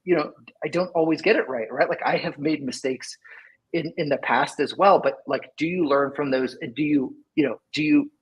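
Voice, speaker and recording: Heard through lo-fi sound, a middle-aged male engineering leader from Sacramento, California, is a guest in a casual interview. He speaks with a fairly high, breathy voice at normal speed, rambling loosely with plenty of "like" and "right?".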